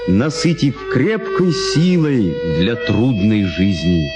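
A man's voice: mid-range voice, sing-song, takes it slowly. A man narrating a literary memoir, reflectively recalling his childhood. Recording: music behind voice.

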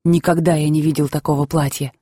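A woman narrating an audiobook in a calm, measured storytelling manner. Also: low-pitched, husky, no room sound, clean studio sound.

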